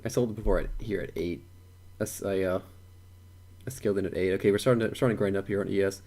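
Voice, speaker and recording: Low-voiced man muttering live trading commentary. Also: fairly even intonation, quick pace, dark tone. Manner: thinks aloud, repeats words, chuckles to himself. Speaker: day trader streaming live.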